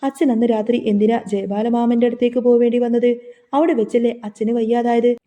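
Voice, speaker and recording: A woman's voice: a little high, little pitch movement, a little fast, mellow, dull audio. A woman narrating a recap of a television serial episode, reading the characters' dialogue as she tells the story.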